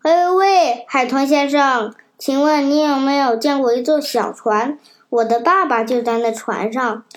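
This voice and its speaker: A woman voicing an excitable, boyish wooden puppet in a storybook reading. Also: sits high, normal speed, lightly acted. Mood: eager.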